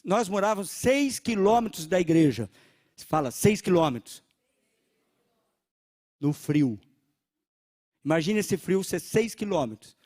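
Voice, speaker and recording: Brazilian pastor, middle-aged man, high voice, animated sermon storytelling. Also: unhurried, pauses often. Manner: animated storytelling, acting out dialogue. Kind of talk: sermon testimony.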